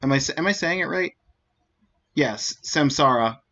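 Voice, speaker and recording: This man's voice sits on the high side, with a sharp tone and normal speed, recorded in lo-fi sound. He's streaming a puzzle game and offering loose, casual commentary. He rambles, restarting and correcting himself frequently.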